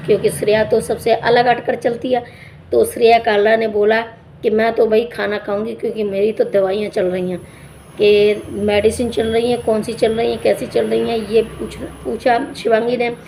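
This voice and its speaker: A woman's voice: a little high, little pitch movement, moderate pace, vocal fry, a little mellow, a little hiss or hum. A woman casually retelling reality-show events, rambling with many fillers and acted-out quotes.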